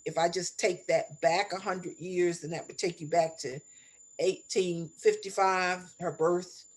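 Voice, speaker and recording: A woman in her seventies reminiscing in conversation as an interview guest, reflective and deliberate, repeating phrases for emphasis. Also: lowish voice, fairly even intonation, rough recording. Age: 70s. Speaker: interview guest, elder sharing life stories.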